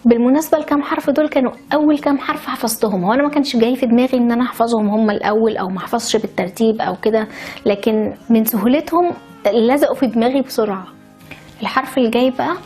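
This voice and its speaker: This language teacher, a woman with an Egyptian Arabic accent, gives a handwriting lesson on writing letters. She explains each step and cheerfully drifts into chatty stories along the way. Her voice is a little high and a little mellow.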